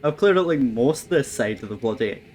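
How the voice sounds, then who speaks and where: A man's voice: mid-range voice, lively intonation, a little fast, darkish tone. A man giving casual let's-play commentary, thinking aloud and swearing at the game with wry humour. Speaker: gameplay commentator. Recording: faint background noise.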